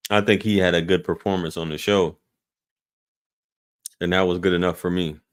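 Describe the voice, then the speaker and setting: A deep-voiced man with a light Southern American accent reads viewer questions from chat on a live stream and answers them in a laid-back, casual way. His tone is steady and his speed normal.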